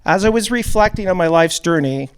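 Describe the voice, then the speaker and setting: A man's voice: sits high, lively intonation, clear, resonant tone. A man hosting a town hall, delivering a prepared opening speech a little nervously to an audience in a hall. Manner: a little nervous, reads measured remarks. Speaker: event host, music producer.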